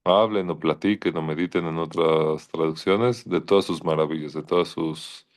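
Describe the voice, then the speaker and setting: A man's voice: very deep voice, fairly even intonation, moderate pace. A man giving an informal Torah lesson, thoughtful and searching, often restarting his sentences. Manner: thoughtful, searching, with frequent restarts and quoted Hebrew verses.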